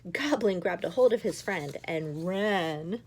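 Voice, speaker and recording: A woman's voice: lowish voice, lively intonation, takes it slowly, slight background noise. A woman in her thirties, a mother, reading a children's picture book aloud with playful asides to young listeners. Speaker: children's story reader, mother.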